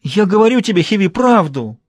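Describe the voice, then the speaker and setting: A man voicing a jealous young maidservant in an audiobook, shrill and pleading. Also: very animated, fairly quick, darkish tone, no echo. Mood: desperate.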